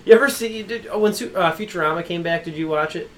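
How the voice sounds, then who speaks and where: Chatty animated man, slightly high voice. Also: fast talker. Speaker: podcast co-host. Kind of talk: casual chat.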